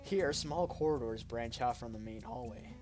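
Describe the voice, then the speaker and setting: Male streamer, mid-pitched, loose and unpolished game read-aloud. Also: animated, moderate pace, music in the background. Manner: casual, unpolished reading with self-corrections. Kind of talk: reading a visual novel aloud.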